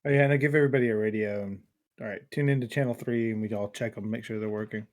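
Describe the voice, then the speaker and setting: A man's voice: fairly low pitch, steady tone, rapid-fire. A man playing a tabletop game, taking charge and planning aloud. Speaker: player. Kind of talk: casual tabletop play.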